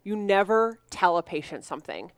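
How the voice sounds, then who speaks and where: A woman chatting casually on a podcast about a story, often acting out quoted lines in lively voices. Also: mid-range voice, moderate pace, clean tone, dry recording. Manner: animated, acts out quoted dialogue. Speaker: podcast co-host. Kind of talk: casual book discussion.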